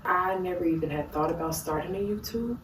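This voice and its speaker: A woman's voice: lowish voice, a little fast. A tipsy woman chatting casually as a YouTuber answering questions, rambling in a goofy, giggly way. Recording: roomy echo, distant mic, faint noise.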